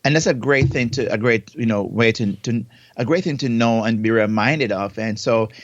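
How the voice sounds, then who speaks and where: A Jamaican man with a Jamaican accent co-hosts a casual podcast remotely from his home in South Florida, speaking at normal speed in a mid-range voice with no room sound. He talks expansively, repeating and restarting words, and the remote audio is dull and lo-fi.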